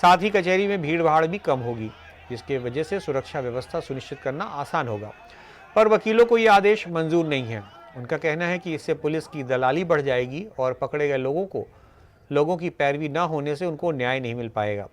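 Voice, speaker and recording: Male news anchor, slightly high voice. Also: lively intonation, moderate pace. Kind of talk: studio news reading and questioning.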